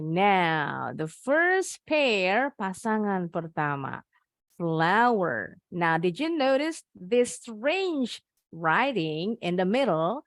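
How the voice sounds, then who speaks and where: A woman's voice: medium pitch, no echo, studio quality. A young woman with an Indonesian accent teaching an online English lesson, patiently explaining each word in English and then Indonesian.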